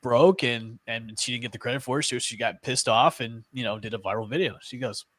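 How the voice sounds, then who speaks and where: A man hosting a casual sports talk show, animated and quick to laugh. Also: medium pitch, dry recording. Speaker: podcast host.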